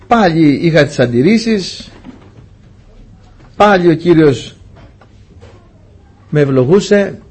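A man's voice: fairly high pitch, a little mellow, breathy edge. A man preaching a testimony sermon, telling his story earnestly and often turning to address the congregation as dear brothers.

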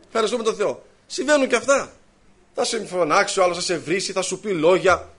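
A man preaching a sermon to his congregation, mixing personal stories with scripture, his voice swinging between loud, raised bursts and low, hushed asides. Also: breathy edge.

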